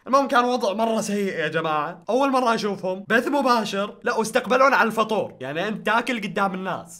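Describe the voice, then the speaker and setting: A man's voice: high-pitched, fairly bright tone. A young man, hosting a casual reaction vlog in a playful way and laughing often. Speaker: YouTuber host.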